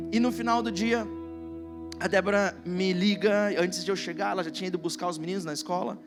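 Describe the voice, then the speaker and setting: A middle-aged man with a Brazilian Portuguese accent preaching a sermon, telling a personal story and reading Scripture slowly and with emphasis. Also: sits high, steady tone, over music. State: emotional. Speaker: pastor. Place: church stage.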